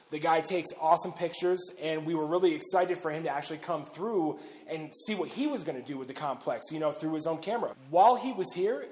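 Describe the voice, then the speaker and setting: Standing in a huge underground missile silo, a man in his thirties, the bunker's owner and host, talks casually to camera, loose and full of "uh" and "pretty much." His slightly mellow voice sits a little high for a man, and long concrete reverb trails every phrase.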